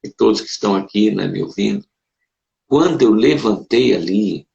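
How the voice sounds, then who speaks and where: A man, a Brazilian pastor, telling his conversion story in a casual conversation, animated and emotional, with sudden leaps up in pitch. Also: normal speed, vocal fry. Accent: Brazilian Portuguese. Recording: dull roomy sound.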